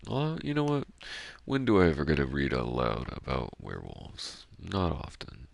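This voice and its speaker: A man's voice: very deep voice, big pitch swings, normal speed, creaky, no echo. A man giving rambling, self-deprecating commentary while playing a game, keeping his voice down because it is late at night. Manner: soft-spoken, keeping quiet late at night. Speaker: gaming streamer. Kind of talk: casual gameplay commentary.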